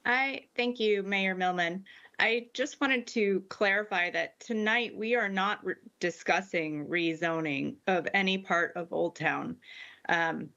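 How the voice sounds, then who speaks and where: A woman's voice: mid-range voice, unhurried, bright, forceful tone, muffled recording. A woman on the city council measuredly clarifies a point during a meeting, with fillers.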